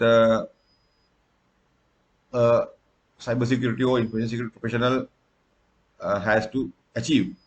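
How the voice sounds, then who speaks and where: A man from Sri Lanka, a native Sinhala speaker, gives a recorded tutorial lecture as an instructor, with frequent fillers and restarts. His voice is mid-range and the recording is rough.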